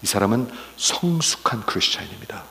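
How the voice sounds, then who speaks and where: Man preaching with dramatic hushed asides. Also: lowish voice, big pitch swings, a little fast, gravelly, big-room sound. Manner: swings from raised exclamations to hushed, whispered asides; mixes English words into Korean. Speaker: pastor. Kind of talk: sermon.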